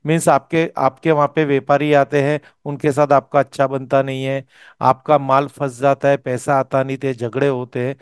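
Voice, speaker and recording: Man teaching a lesson, clear voice. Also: mid-range voice, level tone, normal speed, no echo, clean studio sound. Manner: explanatory, checks understanding with "okay?". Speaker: vastu teacher. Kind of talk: explaining while teaching a course.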